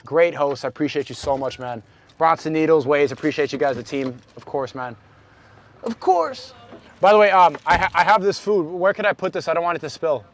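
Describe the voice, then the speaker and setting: A New Yorker livestreams from city streets at night, chatting loosely and in slang with his viewers and with strangers he runs into. His voice is fairly high-pitched and a little fast.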